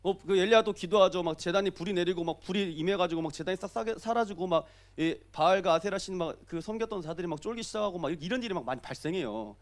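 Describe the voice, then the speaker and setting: A man's voice: sits high, fast talker, few pauses. A young male pastor preaching an early-morning sermon, joking and asking the congregation questions as he goes.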